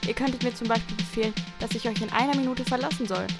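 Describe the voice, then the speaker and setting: A woman's voice: a little high, steady tone, quick pace, natural voice. A woman voicing the Little Prince, an earnest, curious boy, in a radio play. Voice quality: earnest, wondering. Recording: loud music underneath.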